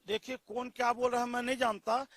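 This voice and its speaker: Male panelist, very high and bright, combative, rhetorical. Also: level tone, fairly quick. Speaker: debate panelist. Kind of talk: TV news debate argument.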